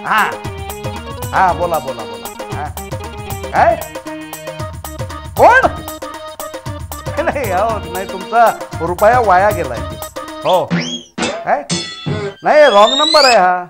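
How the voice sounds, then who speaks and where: An actor playing a fussy, easily confused middle-aged husband in a comic sketch, talking in a flustered, exasperated and loud way. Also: male voice, high-pitched, wildly swooping pitch, slow pace, pauses often, over music, full character voice. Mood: irritated. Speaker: householder.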